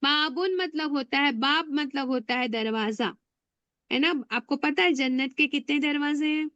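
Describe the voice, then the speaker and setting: A woman with a high voice teaches beginners in an online class, repeating each word slowly and prompting students to echo it back. The sound is dry and close but dull and lo-fi. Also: a bit bright. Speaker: Arabic teacher.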